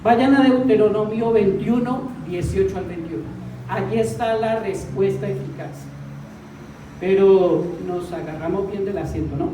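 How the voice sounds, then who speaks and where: A woman preaching a sermon, often putting questions to the congregation and stressing words slowly. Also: mid-range voice, warm tone, slight background noise. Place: church hall. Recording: distant mic in an echoey church hall.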